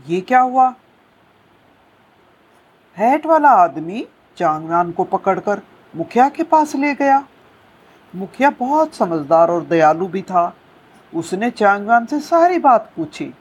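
Slow, lively, husky-voiced woman storyteller. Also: medium pitch, lo-fi sound. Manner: lively, expressive, slow-paced telling. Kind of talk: storytelling narration.

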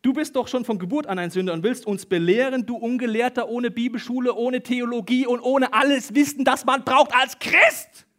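A man voicing angry, scornful male religious leaders who shout down a healed man, read aloud during a sermon. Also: high-pitched, animated, quick pace. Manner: shouting, indignant.

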